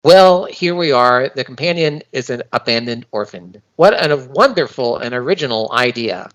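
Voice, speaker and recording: A man's voice: medium pitch, animated, normal speed, fairly bright tone, low-quality recording. A man co-hosting a casual podcast review, talking in a hesitant way with many fillers and restarts, and reading listener comments aloud. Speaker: podcast co-host.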